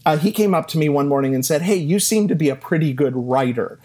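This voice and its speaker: A middle-aged man telling stories from his career in a casual interview, animated and self-deprecating, laughing and acting out quotes. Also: a little high, quick pace. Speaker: interview guest.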